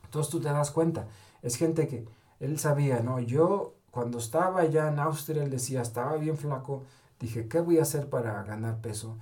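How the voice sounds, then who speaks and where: A man's voice: a little high, normal speed, dark tone. A man giving a motivational talk, telling stories with short quoted lines and tagging many sentences with a question. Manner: keeps adding the tag question "¿verdad?"; storytelling with short quoted dialogue. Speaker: motivational speaker.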